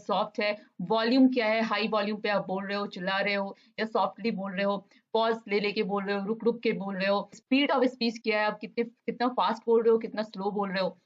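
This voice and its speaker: Deliberate woman lecturer, lo-fi sound. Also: mid-range voice. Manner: mixes Hindi and English, reads English answers slowly and deliberately. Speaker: online lecturer. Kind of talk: exam-focused lecture. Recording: dull lo-fi sound.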